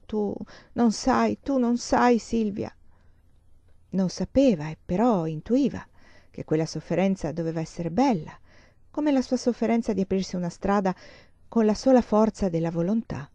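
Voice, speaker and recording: A woman's voice: mid-range voice, dry recording. Woman reading a novel aloud. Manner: measured, expressive reading. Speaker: audiobook reader. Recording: slightly dull lo-fi recording.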